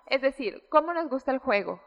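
A woman, a guest expert explaining child development in an interview, animated and acting out the voices of parents. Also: high voice, a little fast, highs cut off. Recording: roomy hall reverb.

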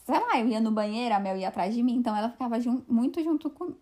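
A young woman co-hosting a casual podcast, relaxed, chiming in and adding details. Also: a little high, fast. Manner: relaxed, chimes in and adds details. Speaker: podcast co-host. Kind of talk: casual chat.

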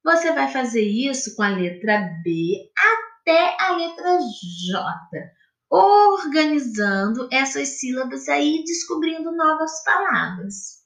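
A Brazilian woman teacher talks pupils through their tasks in a high, bouncy voice. She explains patiently and spells out sounds and syllables. Her voice echoes around the room. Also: sing-song, slow, fairly bright tone. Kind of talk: recorded classroom lesson for pupils.

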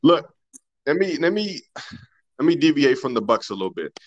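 A man's voice: fairly high pitch, very animated, moderate pace, dry recording, highs cut off. A man co-hosting a casual sports podcast, talking loosely and colloquially, often restarting his sentences.

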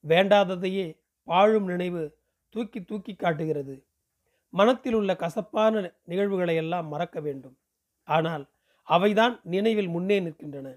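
A man from Puducherry narrating a novel aloud. His voice sits high for a man, and he reads with a steady, expressive pace. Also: a little slow. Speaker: audiobook reader.

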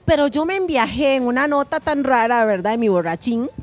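A woman with a Costa Rican accent, hosting a podcast and telling animated, giggly stories in casual chat. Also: on the high side, fairly quick. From Costa Rica. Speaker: podcast host.

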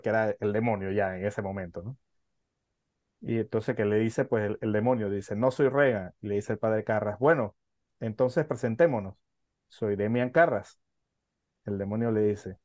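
A man's voice: fairly low pitch, a little mellow, no echo. A man co-hosting a film podcast in casual chat, hesitant, with many fillers and restarts. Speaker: podcast co-host.

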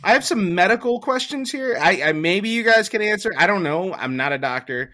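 A young man co-hosting a loose podcast, his voice high and lively with a bright edge. He giggles through his sentences and wanders into rambling questions. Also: brisk. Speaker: podcast co-host. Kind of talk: casual chat.

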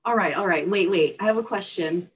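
A woman's voice: on the low side, brisk, husky. A woman co-hosting a casual chat, upbeat and laughing often. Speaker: co-host. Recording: distant mic with faint background noise.

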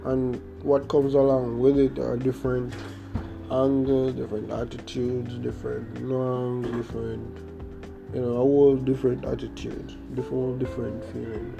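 This young Jamaican podcast host, Jamaican accent and all, rambles hesitantly through a casual storytelling monologue, restarting often and leaning on fillers. His mid-range voice is creaky and fairly flat, moving at a moderate pace, and the muffled recording has guitar music behind it.

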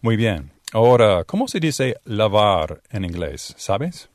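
A man teaching English pronunciation in a bilingual lesson, drawing out sounds slowly to demonstrate them. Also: lowish voice, big pitch swings, no echo, studio quality. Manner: slow, exaggerated demonstration of sounds. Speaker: Spanish-speaking English teacher.

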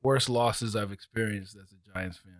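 A man's voice: on the low side, moderate pace, no room sound. A man hosting a podcast, chatting casually about football and welcoming a guest. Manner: easygoing, chuckling, sports banter. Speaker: podcast host. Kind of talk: casual chat. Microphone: studio microphone.

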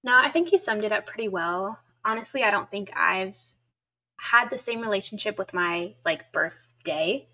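A bright, pushed, expressive mid-range female voice at normal speed belongs to an American woman in her twenties. She co-hosts a podcast, telling stories in casual, chatty fashion packed with fillers.

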